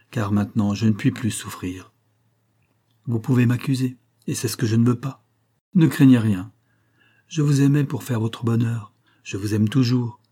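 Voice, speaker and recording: A man's voice: medium pitch, mellow, breathy edge, lightly acted. A man voicing an anguished, feverish, proud young man with strained, clipped outbursts.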